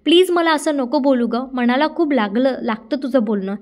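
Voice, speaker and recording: A blind young village woman pleads through tears, soft but stubborn, read by a woman narrator. Her voice is high and strained, and she speaks in emotional storybook Marathi. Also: lively intonation, normal speed. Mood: tearful pleading. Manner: pleading, tearful.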